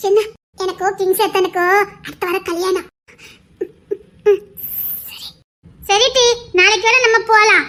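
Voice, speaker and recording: A woman voicing young village women in an animated Tamil love story, talking in a quick, sharp way. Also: very high-pitched. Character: young village women, the heroine and her friend.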